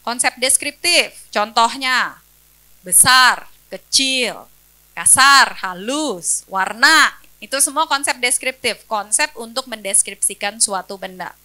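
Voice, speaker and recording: Bright-voiced woman explaining to parents. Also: fairly high pitch, animated, slow. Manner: explanatory, asks rhetorical questions and answers them; lists examples one by one. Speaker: speech-language pathologist. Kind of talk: educational presentation for parents.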